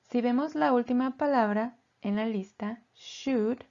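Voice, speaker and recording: A woman teaching English pronunciation in a slow, careful lesson, repeating each word. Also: a little high, darkish tone, highs cut off.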